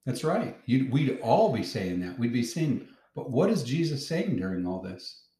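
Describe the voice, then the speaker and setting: A man's voice: medium pitch, big pitch swings, normal speed, mellow, reverberant. A man teaching a Bible lesson to a child, patiently asking questions and explaining as he reads.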